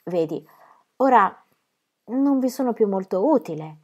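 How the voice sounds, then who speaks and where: Earnest hesitant middle-aged spinster aunt, lively rising voice, storybook reading, read by a woman. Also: medium pitch, unhurried, muffled recording, voice pushed up.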